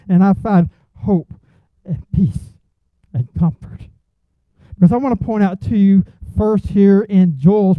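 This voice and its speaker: A man's voice: high voice, no room sound. Male preacher, earnest sermon delivery building to emphatic peaks; dry, close sound. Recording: tinny phone-like sound, dry.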